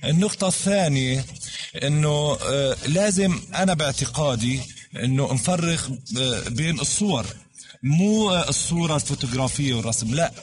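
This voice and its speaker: A man's voice: a little high, animated, normal speed. A man questioning a scholar in a recorded religious discussion, laying out his points hesitantly with many fillers and losing his place.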